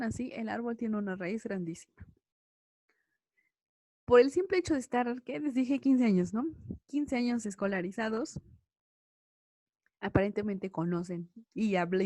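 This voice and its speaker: A woman's voice: medium pitch, warm tone, no echo. Mexican woman teacher, dry close sound. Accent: Mexican Spanish. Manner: conversational, frequent tag questions. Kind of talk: online class lecture.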